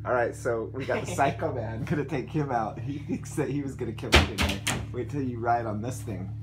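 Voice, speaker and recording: A man's voice: mid-range voice, brisk, very noisy. A man filming a casual road-trip vlog with his son, chatty and joking, talking into a handheld phone camera. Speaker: father vlogging a road trip.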